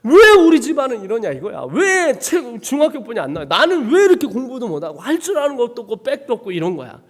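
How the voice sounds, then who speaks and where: Man preaching, high voice, lively pitch, dramatic, hushed to shouting, hall reverb. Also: fast talker. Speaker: missionary preacher. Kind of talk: emotional testimony sermon. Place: church sanctuary.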